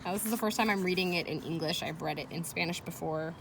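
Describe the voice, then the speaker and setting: This woman teacher has a lowish, gravelly voice and reads fast from a children's chapter book. Her casual asides encourage the listeners and put questions to them. Children can be heard playing nearby in the noisy background.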